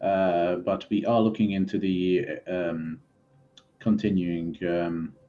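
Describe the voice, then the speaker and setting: A man improvising as a player in a tabletop game, speaking politely and haltingly. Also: low-pitched, little pitch movement, phone-quality sound. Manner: hesitant, halting, polite phrasing. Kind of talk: improvised in-character game talk.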